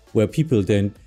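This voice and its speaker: A man's voice: lowish voice, dark tone, husky. A man with a German accent streaming as an air traffic controller, mixing radio phraseology with casual remarks.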